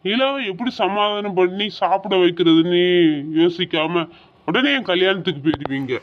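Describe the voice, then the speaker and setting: A man's voice: high-pitched, normal speed, dull audio, slight background noise, natural voice. A man acting a weary young father who coaxes his daughter and argues with his mother. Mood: exasperated. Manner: soft coaxing, then exasperated. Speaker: father of the child. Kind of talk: home drama acting.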